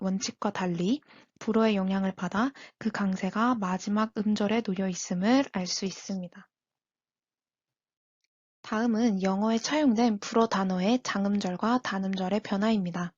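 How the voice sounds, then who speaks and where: A young woman delivers a scripted university presentation at a measured pace. Her voice comes through a dull, lo-fi recording with no room sound at all. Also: mid-range voice, darkish tone, no room sound. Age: young adult. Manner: measured, reads from a prepared script.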